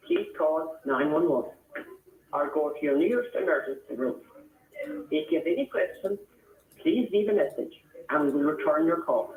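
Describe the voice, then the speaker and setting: Man's recorded phone message, tinny and echoey. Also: a little high. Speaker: office answering machine greeting. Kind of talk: read-out voicemail greeting.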